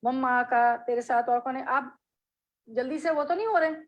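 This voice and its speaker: Woman, fairly high voice, slow careful reading, patient teacher tone, repeats words for students. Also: dull audio. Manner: explains Arabic grammar patiently, repeats and drills students. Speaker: Islamic studies teacher. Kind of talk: classroom hadith lesson, reading Arabic then explaining.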